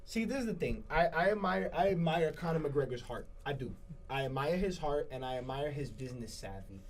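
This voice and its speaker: A man's voice: fairly high pitch, lively intonation, fairly quick, slight background noise. A man co-hosting a casual sports talk show, rambling, repeating his words and laughing often. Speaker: co-host. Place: studio.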